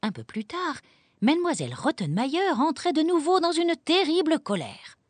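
A woman narrating a children's storybook, reading in an expressive, animated way. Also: high voice, normal speed, no echo.

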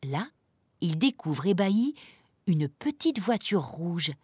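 A woman narrating a children's story in a lively, expressive reading voice. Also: fairly low pitch, slow, slightly rough, dry recording, studio quality.

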